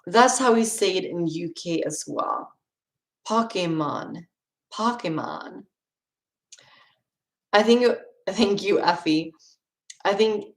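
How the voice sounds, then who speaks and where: A woman's voice: fairly low pitch, echoey room. A young woman from Sweden with a Swedish accent, chatting casually on a live stream as she answers viewer questions and laughs often.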